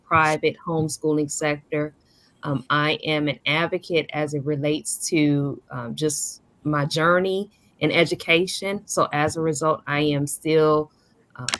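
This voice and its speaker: Low-voiced woman, halting and dry. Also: fairly bright tone, dry recording. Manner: halting, many fillers and repeated words. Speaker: former teacher, education consultant. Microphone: video call.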